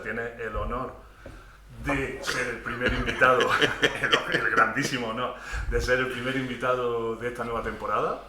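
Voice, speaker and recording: A man hosts a video podcast in an upbeat presenter's manner, welcoming his guest and setting up the conversation. His voice is bright and forceful. The room is echoey, with a faint hiss of noise behind him. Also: medium pitch. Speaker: podcast host. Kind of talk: scripted introduction then casual interview.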